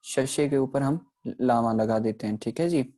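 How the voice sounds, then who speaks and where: Male teacher, warm low-toned delivery, patient step-by-step explaining with frequent check-ins. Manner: patient explaining, checks in often with "theek hai"; slows down to sound out example words. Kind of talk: recorded online grammar lesson.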